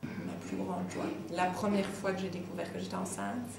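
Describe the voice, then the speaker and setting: A woman's voice: on the low side, very animated, moderate pace, noisy background. Middle-aged woman, eager and chatty, echoey room, mic a bit far. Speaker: interviewee. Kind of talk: casual interview answers. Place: small room with brick wall.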